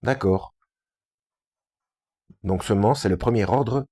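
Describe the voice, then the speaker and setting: A man's voice: on the low side, takes it slowly, warm tone, husky. A man giving an informal reading with running commentary, hesitant, full of fillers and restarts, with self-mocking asides. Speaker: presenter of a video series studying religious texts.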